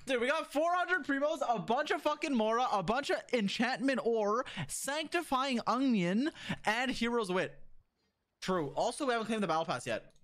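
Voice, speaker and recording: A man streaming a game and chatting with his viewers, excitable and teasing, swearing often and jumping between joking shouts and low mutters. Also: moderate pace. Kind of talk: casual livestream chat with viewers.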